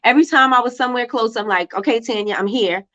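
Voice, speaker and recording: A woman's voice: fairly high pitch, quick pace, a bit bright. A woman from Brooklyn with a Brooklyn accent, hosting a casual livestream chat in an informal, slangy way as she reads out and answers comments. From Brooklyn, New York. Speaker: livestream host. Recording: dull, lo-fi livestream audio.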